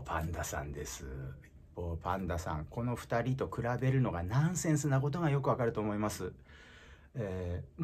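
A man's voice: medium pitch, darkish tone, slightly rough. A man hosting his own fan channel, talking in a rambling, mock-serious analytical way that sometimes drops to a whisper. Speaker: idol fan channel host. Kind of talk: casual vlog monologue.

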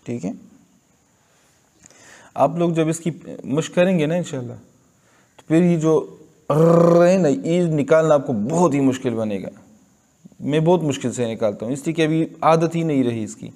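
A man with a Pakistani Urdu accent teaches recitation rules, repeating each example word and asking and answering his own questions. His voice sits a little high, and he talks at an unhurried, deliberate pace. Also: mellow. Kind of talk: slow tajweed lesson.

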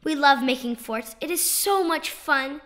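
A woman reads her children's poems a little slowly, her notably high voice bright and forward. She keeps it playful and sing-song, giving key words clear emphasis in the manner of a storybook read-aloud. She is the poems' author and reader.

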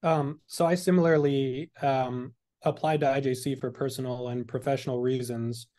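Man, 30s, law professor on webcam; frank, conversational, warm dark tone. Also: medium pitch, steady tone, moderate pace. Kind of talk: webinar panel answer. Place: indoor room on a video call. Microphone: video call webcam.

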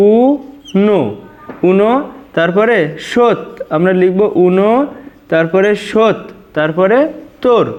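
Male tutor, high voice, slow careful sounding out of each syllable for exam students. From Bangladesh. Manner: slow, syllable-by-syllable spelling out, repeats "dekho". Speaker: teacher. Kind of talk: exam prep pronunciation lesson.

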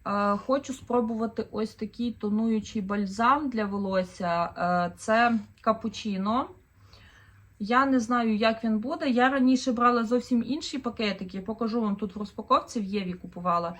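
A woman's voice: a little high, steady tone, moderate pace, fairly bright tone. Chatty woman showing a shopping haul. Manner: chatty, thinking aloud with fillers. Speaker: vlogger, mother of four. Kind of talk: casual shopping haul chat.

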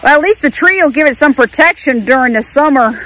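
A woman's voice: high-pitched, animated, fast talker, sharp tone, low-quality recording. A woman chatting and asking questions while she films a homestead yard on her phone. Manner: chatty, asks lots of questions. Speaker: vlogger filming the homestead. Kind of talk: casual chat while filming. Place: outdoors in a grassy homestead yard. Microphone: phone camera held by the speaker.

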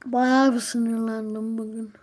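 A woman's voice: a little high, flat delivery, unhurried, noisy background. A woman giving casual commentary over a mobile game, exasperated and pleading with a phone that won't respond.

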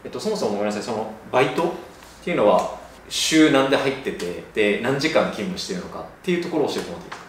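A man's voice: lowish voice, animated, rapid-fire, a little hiss or hum. A man interviewing a job applicant, asking probing questions with many fillers. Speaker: interviewer, former HR staffer. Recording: echoey room, distant mic.

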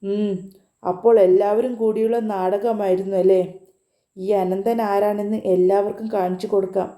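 A vengeful, sneering young thug with a very dark, mellow tone, voiced by a woman reading a story aloud. He talks angrily and plots payback. The storybook reading sits in a roomy, echoing space. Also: mid-range voice, level tone, normal speed, natural voice. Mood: menacing. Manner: angry, sneering. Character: hot-tempered young male thug, vengeful and scheming. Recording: roomy echo.

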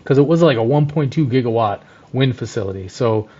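A man's voice: mid-range voice, expressive, brisk, dark tone. A man co-hosting a podcast, talking enthusiastically and rambling with lots of fillers. His voice sits in an ordinary middle range. The recording sounds a little dull and lo-fi. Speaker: podcast co-host, journalist. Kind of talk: casual chat.

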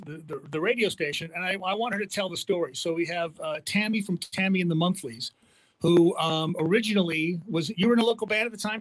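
A man's voice: sits high, fairly bright tone, low-quality recording. A man hosting a radio show, talking casually and in a rambling way, with jokes and many restarts. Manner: rambling, full of fillers and restarts, joking. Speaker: radio host. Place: radio studio.

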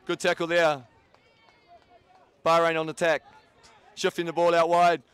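A man giving steady play-by-play rugby commentary. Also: on the high side, a little slow, clean tone, no room sound, some chatter behind. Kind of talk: live sports commentary.

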